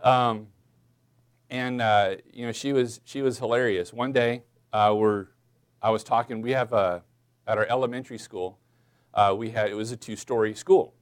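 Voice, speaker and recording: A man's voice: mid-range voice, steady tone, normal speed, clean tone. Folksy preacher man. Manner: folksy, chatty, many fillers, addresses listeners as y'all. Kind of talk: conversational sermon with questions to the congregation. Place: church sanctuary.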